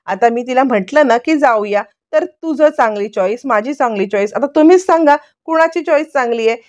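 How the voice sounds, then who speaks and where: Woman doing a cocky young husband who won't stop bickering, kinda high voice. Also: lively intonation, brisk. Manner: bickering, bragging, pushy. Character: boastful quarrelsome young husband, man.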